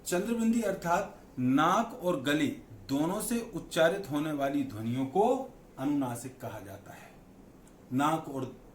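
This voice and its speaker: A man teaching a lesson on Hindi vowels and signs, who repeats key terms and asks and answers his own questions. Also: fairly high pitch. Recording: echoey room with faint background noise.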